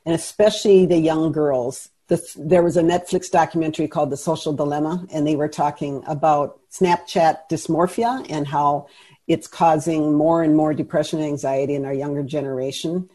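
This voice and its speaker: Mellow, breathy woman explaining earnestly. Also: deep voice, steady tone, moderate pace. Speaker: radio show guest, class leader. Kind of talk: radio interview.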